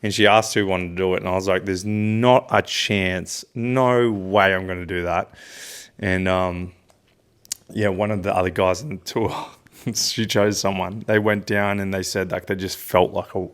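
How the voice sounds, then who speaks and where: A man's voice: low-pitched, flat delivery, normal speed, a bit bright. Man rambling through a story. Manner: rambling storyteller, many fillers and restarts. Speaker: podcast co-host. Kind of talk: casual chat.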